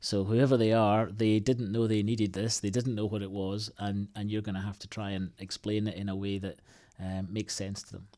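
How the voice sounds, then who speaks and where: A man from the United Kingdom, a guest on an interview show, answering in a halting, thoughtful way with many restarts and fillers. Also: lowish voice, little pitch movement, warm tone. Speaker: podcast guest, IT consultancy co-founder.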